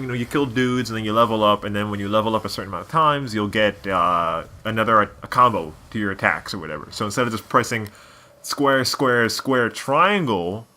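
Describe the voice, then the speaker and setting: This man co-hosts a gaming video, offering casual gameplay commentary that rambles and carries strong opinions, like a devoted fan would. His voice is medium-pitched, pushed, and bright.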